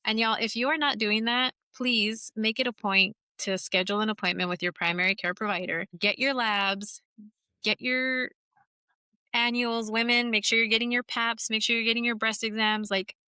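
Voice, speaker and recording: A woman's voice: a little high, fairly even intonation, moderate pace, sharp tone, smooth, no room sound. A woman in her forties hosting a podcast, talking frankly and casually, cursing now and then. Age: 40s. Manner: frank and chatty, swears casually. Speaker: podcast host. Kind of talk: casual conversational interview.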